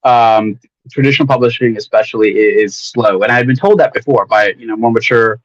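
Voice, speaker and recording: A man's voice: medium pitch, brisk, no echo, highs cut off. A man speaking as a guest author in a casual livestream conversation, rambling along in a candid, self-deprecating way.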